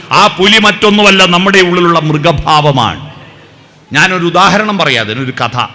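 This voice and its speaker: Bright-voiced storytelling man preacher. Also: high voice. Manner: animated storyteller, breaks into song. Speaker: devotional speaker. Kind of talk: devotional speech with sung verses.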